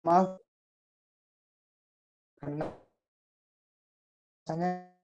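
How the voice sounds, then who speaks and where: A man talking calmly to an online audience while his audio keeps breaking up over a bad internet connection. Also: high-pitched, drawn-out words, no room sound. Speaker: speaker in an online session. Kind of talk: explaining steps to an online audience. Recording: muffled, dropping-out online call audio.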